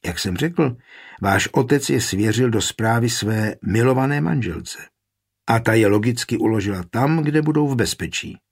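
A man reading an audiobook, voicing a shrewd, calm burgomaster who argues law coolly. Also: medium pitch, creaky, slightly rough. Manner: composed, sly, lawyerly. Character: shrewd, calm, short plump male burgomaster. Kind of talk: audiobook character voice.

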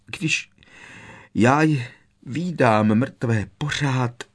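A man's voice: fairly low pitch, very animated, vocal fry, full character voice. A man voicing a distraught middle-aged mother witch who sobs, stammers and gasps for breath in an audiobook reading. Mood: sobbing.

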